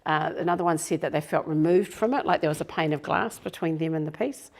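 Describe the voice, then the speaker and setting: A middle-aged woman coaches a live workshop group, her voice pitched low with a gravelly edge. She talks in a chatty, self-deprecating way to the people in the room. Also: fast talker. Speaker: business coach presenting a workshop.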